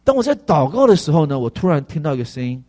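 Fast-talking pastor guy, kinda high voice, telling his testimony all animated and chatty. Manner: animated, conversational, with frequent fillers. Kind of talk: testimony sermon storytelling.

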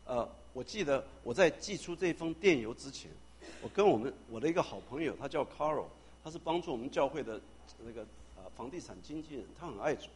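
A man's voice: mid-range voice, fairly quick, a little hiss or hum. A man who is a pastor, telling a personal testimony in a sermon, acting out the dialogue and sometimes stammering or repeating words. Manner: animated storyteller who acts out dialogue.

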